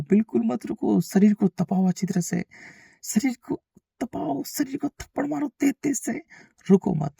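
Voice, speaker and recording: A man's voice: on the high side, vocal fry, a little mellow, slightly rough, no echo, clean studio sound. A man preaching a repetitive, exhorting spiritual monologue to his listeners.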